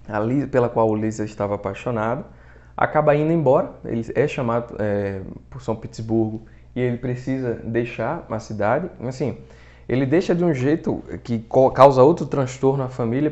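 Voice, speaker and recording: A man's voice: mid-range voice, a little mellow. A man with a Brazilian accent, hosting a literature podcast, casually retelling a novel's plot in colloquial speech with some swearing. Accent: Brazilian Portuguese. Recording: dull, muffled lo-fi recording.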